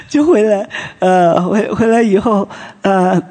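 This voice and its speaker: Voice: medium pitch, measured pace, mellow, big-room sound. A preacher telling a story in a sermon at a morning prayer meeting, chatty, with many tag particles and restarts.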